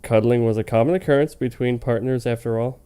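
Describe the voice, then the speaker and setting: A man with a smooth, dark, mid-range voice reads fan fiction aloud for a comedy web series, talking fast with fairly even intonation. His delivery is informal and comedic; he trips over words now and then, tosses in joking asides, and breaks into laughter easily.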